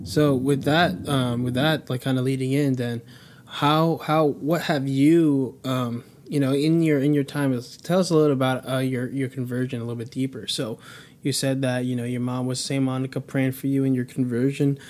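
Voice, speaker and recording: A man interviewing a guest about faith, halting and searching for his words. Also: mid-range voice, steady tone, darkish tone.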